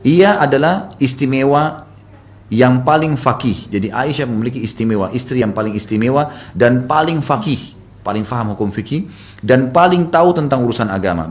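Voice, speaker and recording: Fast-talking male preacher. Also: medium pitch. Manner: dramatic storytelling with acted quotes and sudden loud rises. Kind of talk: sermon storytelling.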